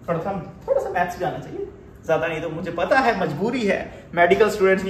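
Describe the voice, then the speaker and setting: Indian guy teaching physics, keeps asking then answering himself, sounds far off in a big echoey room, faint hiss. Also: high voice. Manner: mixes Hindi and English, asks and answers his own questions. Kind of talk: classroom lecture.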